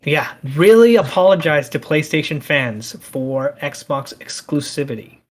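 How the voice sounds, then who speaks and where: A man's voice: fairly high pitch, measured pace. Ranting male podcast host. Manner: animated, ranting. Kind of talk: casual podcast chat.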